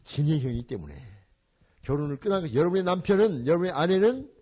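An older man, a church elder, giving a parenting seminar and telling family stories with animated, acted-out scenes and English phrases mixed in. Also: a little high, fast. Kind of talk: seminar talk with storytelling.

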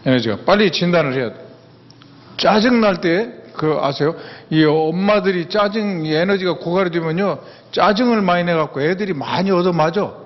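A man's voice: high-pitched, animated, normal speed. A man giving a plain-spoken, folksy public lecture on mental health, often dropping affirming fillers, recorded in a lecture hall. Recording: dull lo-fi sound with long hall reverb.

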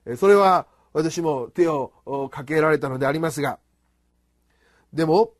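A middle-aged man preaching a sermon in a formal, measured way, rising for emphasis. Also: on the high side, dry recording, clean studio sound. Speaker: pastor.

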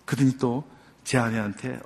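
A man's voice: medium pitch, fairly even intonation, gravelly, darkish tone. Older man giving an earnest church testimony. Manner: earnest, heartfelt storytelling with many pauses. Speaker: church elder. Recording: long hall reverb.

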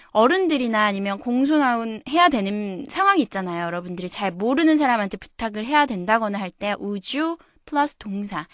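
A woman hosting a radio English lesson, explaining patiently and saying example phrases slowly. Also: a little high, a bit bright, no echo, studio quality. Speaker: English teacher and radio host. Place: radio studio.

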